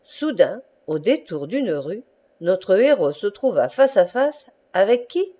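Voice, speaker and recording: A woman narrates a classic novel as an audiobook reader. Her storytelling is measured and expressive, with a warm, mellow tone. She is recorded close to the microphone. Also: medium pitch.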